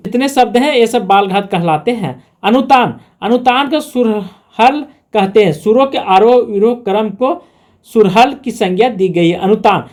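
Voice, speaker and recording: A woman's voice: mid-range voice, darkish tone. A woman with a Jharkhand Hindi accent teaching an exam-prep grammar lesson, explaining step by step and asking and answering her own questions.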